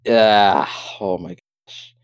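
A man's voice: fairly low pitch, extremely slow, clean tone. A man in casual chat, telling a story with exasperation and acting out his own reactions.

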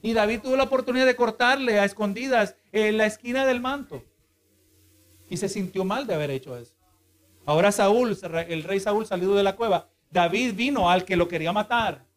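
A man's voice: sits high, fairly quick. A male pastor preaching a sermon, reading scripture aloud and explaining it, with frequent asides of agreement.

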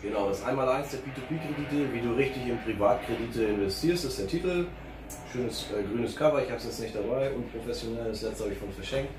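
Speaking at a medium pitch and a brisk pace over a noisy background, this man is a finance blogger guesting on an interview. His casual, rambling answers are packed with fillers and restarts, captured in a roomy space at a distance from the microphone.

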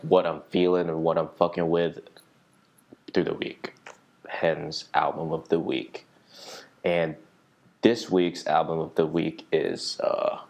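A young man with a low-pitched voice hosts a casual solo podcast from a little library conference room. He rambles loosely in slang and swears freely as he goes. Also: a little mellow.

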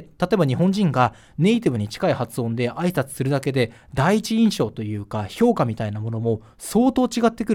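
A man from Fukushima, Japan, hosting a solo podcast in a chatty, animated way with frequent fillers. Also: a little high. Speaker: podcast host.

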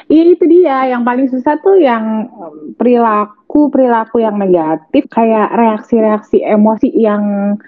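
A woman's voice: a little high, a little slow, no room sound. A woman in casual, slangy chat about parenting, laughing often and acting out quotes. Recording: tinny phone-line audio, dry.

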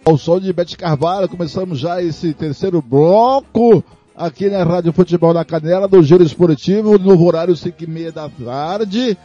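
Brazilian male sports radio host, high mellow voice, lively presenting, slightly dull sound. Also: normal speed, soft background music. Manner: repeats cue words for emphasis.

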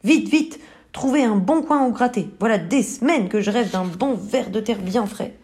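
A high-pitched, excitable little hen bursts out in bright squeals, with a woman doing the voice. She sounds young, plucky and easily flustered, like a character in a picture book read aloud. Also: normal speed, lightly acted.

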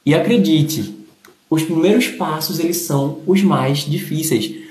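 A man's voice: fairly high pitch, unhurried, a little mellow. A man with a Recife Brazilian accent who says s as a slushy sh, giving a casual motivational livestream talk, explaining and thanking viewers. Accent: Recife Brazilian Portuguese. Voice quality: slushy sh sound for s. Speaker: livestream host. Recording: echoey, roomy sound.

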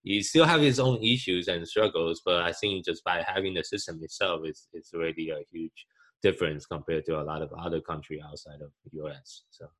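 Man, Taiwanese accent, very low voice, halting, many restarts. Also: fairly bright tone. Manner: halting, frequent restarts and fillers. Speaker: guest, parent. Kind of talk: casual interview answers.

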